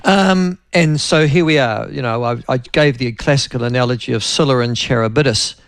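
A man's voice: medium pitch, normal speed, clean tone, no room sound. A man interviewing a guest, asking long, rambling questions. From New Zealand. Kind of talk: broadcast interview.

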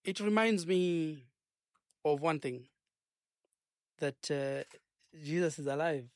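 A man with a Zambian accent, a gospel singer and minister, talking earnestly in a radio interview, preaching as he goes and filling pauses with "uh" and "um". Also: fairly high pitch, a little mellow. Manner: earnest, preachy, rambling with many fillers.

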